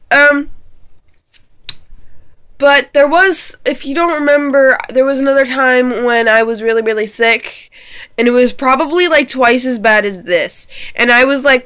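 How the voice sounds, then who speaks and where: A woman's voice: fairly high pitch, a bit bright, clean tone. A teenage girl vlogging from her bedroom with a congested, stuffy voice, rambling and joking at her own expense. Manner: rambling, jokey, self-mocking. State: congested from a cold. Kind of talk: casual chat to camera.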